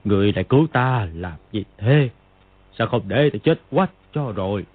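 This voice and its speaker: Raspy grief-mad old stranger. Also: male voice, fairly low pitch, very animated, fairly quick, no room sound. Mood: mournful. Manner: brooding, bursts into angry shouts. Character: grief-crazed old male stranger, bitter and wild. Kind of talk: audiobook character voice. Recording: tinny phone-like, dry.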